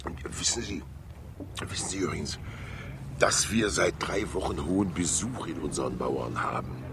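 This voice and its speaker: In a hissy 1960s radio crime drama, a male actor with a bass voice plays a fat, wily, talkative older state councillor. He's jovial and theatrical, sly and confiding, rambling along with asides and pauses.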